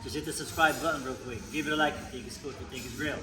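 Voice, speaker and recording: A man hosting a casual interview, laid-back and slangy, and quick to laugh. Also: medium pitch, fairly even intonation. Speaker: podcast host. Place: indoors in the Philippines. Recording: roomy sound with loud background noise.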